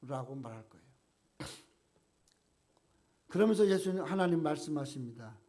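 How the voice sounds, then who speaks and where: A pastor preaches a sermon emphatically and expressively at normal speed, raising his voice when quoting God's questions and dropping low and quiet at the ends of phrases.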